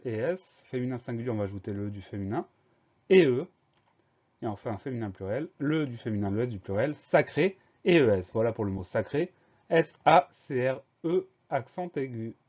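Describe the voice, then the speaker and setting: A man's voice: medium pitch, expressive, normal speed, a little mellow, dull audio. A man teaching a spelling lesson, explaining each word patiently and spelling it out letter by letter.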